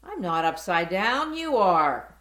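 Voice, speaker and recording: A woman's voice: medium pitch, takes it slowly. A woman reading aloud and voicing Stellaluna, an earnest, curious young female bat, in a roomy space. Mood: indignant. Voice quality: lively, storybook-animated. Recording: roomy echo.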